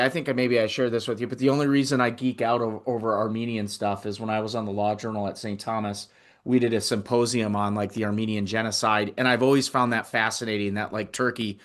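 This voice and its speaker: An American podcast host talks casually and enthusiastically in an interview chat. His voice sits at medium pitch with a fairly bright tone, and he speaks a little fast.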